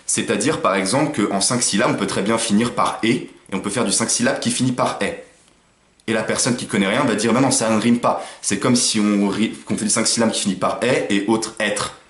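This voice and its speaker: A man, casually explaining rap rhyme techniques and slowly reciting his own example lines. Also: fairly low pitch, fairly bright tone. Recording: roomy echo.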